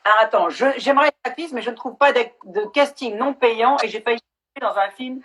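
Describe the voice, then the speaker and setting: A middle-aged actress hosting a casual live stream, talking frankly and swearing now and then over a video call. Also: female voice, a little high, brisk, a bit bright.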